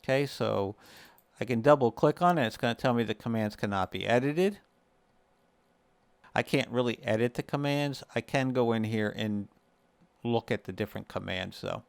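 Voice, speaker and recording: Speaking in a mid-range voice at a moderate pace, he has some vocal fry and a clear, resonant tone. He's a gaming host chatting his way through a casual screen-share tutorial, one step at a time, with no room sound.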